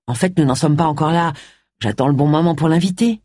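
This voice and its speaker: A woman's voice: sits low, brisk, a little mellow, no room sound, clean studio sound. A woman voicing a stubborn, lovesick man in an audiobook. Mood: earnest. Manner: stubborn, earnest.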